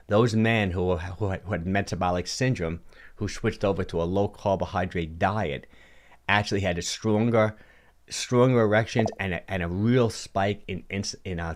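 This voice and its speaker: A low-voiced man in his sixties hosts a fitness livestream from a home studio with colored lights, speaking into a large boom-mounted studio mic in front of him. He chats casually and answers viewer comments, animated and gesturing, with frequent quick restarts and repeats.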